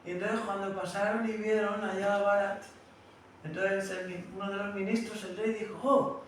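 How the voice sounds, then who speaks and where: A man with a high voice and a Spain Spanish accent recounts a spiritual story to a class, keeping it chatty and checking in with his listeners. He sounds far from the mic, in a very echoey room. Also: little pitch movement, normal speed, a little hiss or hum. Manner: conversational, tags phrases with "¿no?". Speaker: spiritual teacher.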